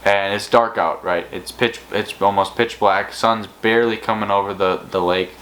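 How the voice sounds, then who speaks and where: A man's voice: lowish voice, steady tone, normal speed, fairly bright tone, a little hiss or hum, low-quality recording. A man co-hosting a fishing channel, telling stories in a casual, rambling way with many restarts. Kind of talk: casual storytelling chat.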